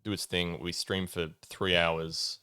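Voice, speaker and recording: A young male podcast co-host chats casually and loosely, relaxed and rambling, with lots of ums and easy laughter. His very low voice is smooth and resonant, captured on a studio mic in a close, dry recording with no room sound.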